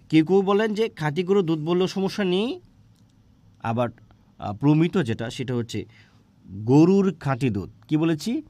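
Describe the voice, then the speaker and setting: A man's voice: a little high, a little mellow, no room sound. Man teaching a grammar lesson. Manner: asks a question, then answers it himself; explains slowly, with frequent "ah" fillers and restarts. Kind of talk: exam-prep grammar lesson.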